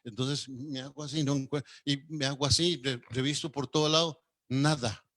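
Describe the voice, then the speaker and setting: A man preaching, telling a personal testimony as a lively story and acting out the dialogue. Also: medium pitch, moderate pace. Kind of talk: sermon testimony.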